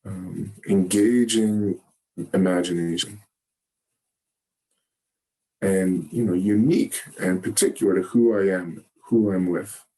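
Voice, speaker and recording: A man giving a Zen dharma talk, gentle and halting, often pausing to search for words. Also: low voice, fairly even intonation. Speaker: Zen teacher. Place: meditation hall.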